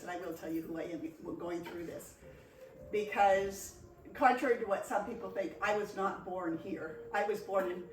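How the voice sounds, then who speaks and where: A woman's voice: mid-range voice, fairly bright tone. A woman in her sixties from Nova Scotia, presenting her memories in a chatty, wry, self-deprecating way. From Nova Scotia, Canada. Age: 60s. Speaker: presenter at a local history meeting. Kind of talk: casual reminiscing talk. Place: community meeting room. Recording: echoey room, distant mic, faint noise.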